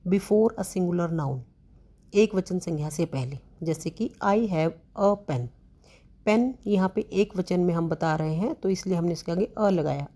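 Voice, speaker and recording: A woman teaching a grammar lesson to students, explaining slowly and asking questions she then answers herself. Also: fairly low pitch, mellow. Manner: slow, explanatory, asks questions and answers them; addresses students as beta.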